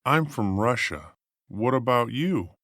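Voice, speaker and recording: A man as a friendly student, slow, lively pitch. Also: no room sound, studio quality. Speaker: student in a dialogue. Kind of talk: slow scripted dialogue for learners.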